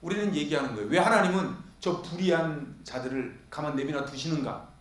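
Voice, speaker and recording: A man's voice: on the high side, a little fast. A male pastor preaching an expository sermon, firing questions at the congregation and answering them himself. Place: church sanctuary. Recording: echoey church hall.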